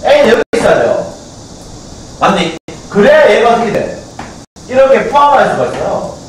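A male math teacher with a Gyeongsang Korean accent lecturing a class, constantly quizzing students with quick checks. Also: extremely high pitch, very animated, slight background noise. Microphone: far camcorder. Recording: echoey classroom from a far camcorder.

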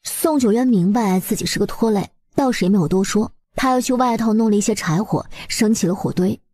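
A woman's voice: mid-range voice, a little fast, mellow, dry recording, studio quality. A woman narrating a webnovel story expressively, in a colloquial, dramatizing storyteller's manner.

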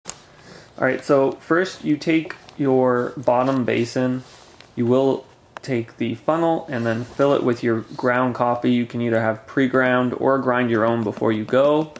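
A man's voice: medium pitch, unhurried, a little hiss or hum. A man casually explaining how to make camp coffee, talking step by step at a picnic table in a forest. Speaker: camping gear reviewer.

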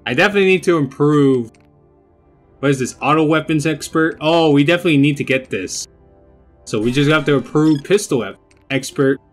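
Young male gamer host, slightly high voice, casual and rambling, game music underneath. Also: a little fast. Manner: rambling, repeats phrases. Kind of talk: casual gameplay commentary.

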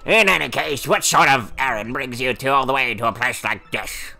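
A man's voice: mid-range voice, normal speed, vocal fry, over music, close to an everyday voice. A man voicing an elderly, absent-minded male Goomba professor while reading game dialogue on stream. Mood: scholarly. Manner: flustered, fumbling old-man voice.

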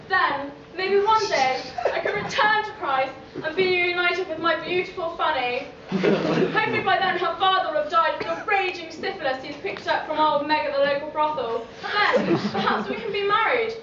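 A hapless young Victorian student hero acted by a woman declaims with naive earnestness in a pantomime. The very high voice reaches a distant camera through echo and background noise. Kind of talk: stage pantomime acting. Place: on stage in a theatre hall. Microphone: distant camera in the audience. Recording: echoey theatre, distant camera, dull, noisy.

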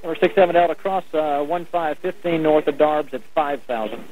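An air traffic controller gives clipped procedural instructions over the radio in a fairly high, fairly quick male voice. The sound is a narrow-band, noisy air traffic radio transmission.

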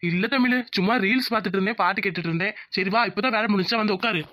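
A woman voicing a gentle, devoted young village husband who works as a mechanic. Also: medium pitch, close to an everyday voice. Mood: tender. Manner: gentle, reassuring, quick talk. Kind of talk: cartoon voice acting.

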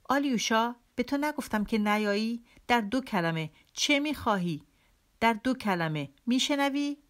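A woman reading an audiobook, voicing a tormented young man who shouts in a frenzy. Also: medium pitch, voice pushed up, close to an everyday voice. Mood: frantic. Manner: shouting, frantic.

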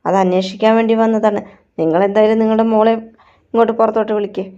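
A woman reading the lines of a male police officer who explains firmly and calmly. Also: mid-range voice, fast talker, lo-fi sound, close to an everyday voice. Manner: firm and explaining.

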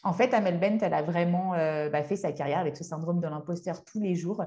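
A woman in her thirties, a hypnotherapist, giving a motivational workshop talk in a conversational, halting way as she searches for words. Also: fairly low pitch, dark tone, dull audio. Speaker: speaker and hypnotherapist.

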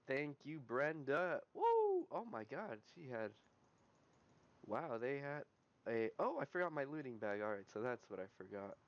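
A young man giving live gameplay commentary, swinging from low muttering to loud yelling, swearing and repeating words in bursts. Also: lively intonation, normal speed, muffled recording. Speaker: gaming YouTuber.

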